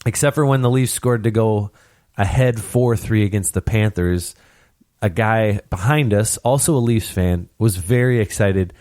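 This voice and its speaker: A young man hosts a casual hockey talk show with a fairly low voice that rises and falls freely as he tells anecdotes. His delivery is animated, and he slips into quick impressions of the people in his stories. The sound is dry and close, with little room around it. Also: no echo. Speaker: podcast host.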